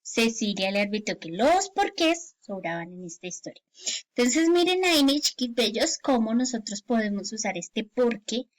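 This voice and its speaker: A woman's voice: a little high, very animated, moderate pace. A woman teacher gives a grammar lesson to children, patiently repeating each example and checking in often.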